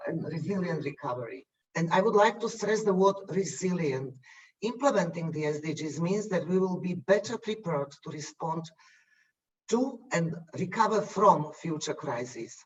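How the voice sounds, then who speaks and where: A man delivers formal panel remarks in a measured way, ticking off points one after another. His voice sits a little high. The sound is distant and dull, as if he were well back from the microphone on a call. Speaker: UN official panelist. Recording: distant, muffled video call audio.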